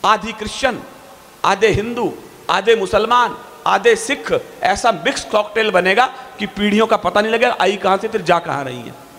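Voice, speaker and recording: A man reciting his poetry on stage in a fiery, declaiming style, stretching his verse lines slowly. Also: high voice, a bit bright. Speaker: poet on stage. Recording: long hall reverb.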